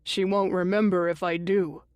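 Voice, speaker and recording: A woman reading an audiobook voices an angry young man who shouts accusations while holding a gun. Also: on the low side, level tone, moderate pace, clear, resonant tone, dry recording, clean studio sound, close to an everyday voice.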